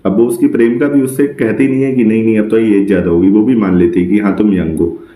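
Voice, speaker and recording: A man teaching an exam-prep literature lesson, explaining step by step, often checking with the class, and reading English lines slowly. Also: lowish voice, steady tone, dark tone, echoey room.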